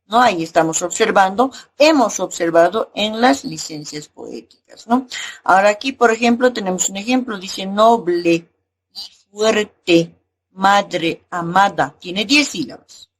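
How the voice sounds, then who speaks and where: A woman teacher explaining poetry lessons, often asking a rhetorical "right?" and pausing with fillers. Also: medium pitch, a little hiss or hum. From Bolivia. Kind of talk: recorded class lesson.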